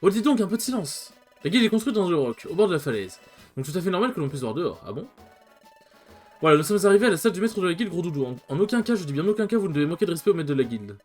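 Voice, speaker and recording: A man voicing a bossy, self-important male bird Pokémon from a video game, with a shrill, witch-like voice and a haughty way of snapping orders. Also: big pitch swings, racing, a little mellow, soft background music. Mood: pompous. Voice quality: shrill witch-like voice, man's version.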